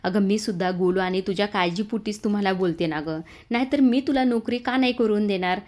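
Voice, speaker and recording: A woman's voice: mid-range voice, brisk, a little mellow, natural voice. Woman narrator doing a tearful middle-aged mother, pleading. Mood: affectionate.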